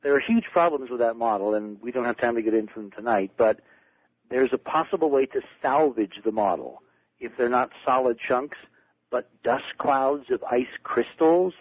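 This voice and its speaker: A middle-aged man, a guest on a late-night radio show, telling stories excitedly and repeating words as he gets going. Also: mid-range voice, normal speed, breathy edge, dry recording. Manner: excited storyteller, repeats words when starting. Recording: dull lo-fi radio broadcast.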